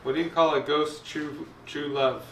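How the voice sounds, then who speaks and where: A man's voice: a little high, steady tone, moderate pace, a bit bright. Man telling dad jokes, roomy distant recording. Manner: telling dad jokes as setup question and punchline. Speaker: father telling jokes in a family video challenge. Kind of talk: family challenge video. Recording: roomy, distant mic, faint background noise.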